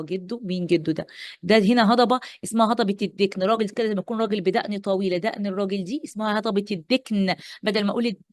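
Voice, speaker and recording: Rapid-fire Egyptian woman teacher. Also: mid-range voice, no echo, studio quality. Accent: Egyptian Arabic. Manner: playful, repeats points and quizzes pupils. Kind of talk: exam-prep lesson.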